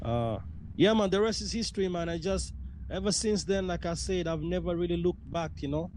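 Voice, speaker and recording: A man from South Sudan, a sound clash selector, who speaks as a guest on a radio interview and gives shout-outs in dancehall slang. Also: sits high, a little fast, slight background noise.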